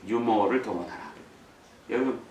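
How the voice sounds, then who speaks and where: Middle-aged man, lively talk in an echoey hall. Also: fairly low pitch, normal speed, muffled recording, a little hiss or hum. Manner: lively storytelling, acts out quotes; mixes in English phrases. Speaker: speaker on parenting. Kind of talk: church talk on raising children. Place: church hall. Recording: roomy echo from far mic, faint ambience.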